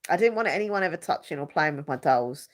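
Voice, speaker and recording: Speaking fast in a deep, expressive voice, a young woman with a blocked nose rambles casually while hosting a live chat on YouTube. She searches for words as she goes and uses a lot of fillers.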